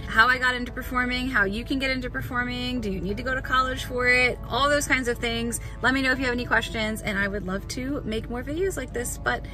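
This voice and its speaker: A woman's voice: on the high side, sharp tone, low-quality recording. Upbeat young woman vlogging to a handheld cam, chatty, music playing behind her. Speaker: vlogger and professional dancer. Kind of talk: casual vlog narration. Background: background music.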